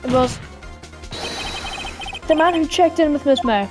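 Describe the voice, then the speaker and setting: A woman's voice: high voice, unhurried, over music. A woman reading every character of a courtroom game herself, joking and stumbling between lines. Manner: jokey, stumbles and laughs at herself, does put-on voices. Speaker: fan dub reader voicing every character. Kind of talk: playful solo game dub with asides.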